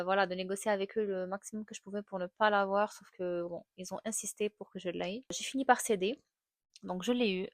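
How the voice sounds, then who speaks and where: A woman's voice: mid-range voice, no echo. Young woman, casual candid storyteller with lots of fillers, recorded close with a dry sound. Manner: candid, animated retelling with many fillers. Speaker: vlogger.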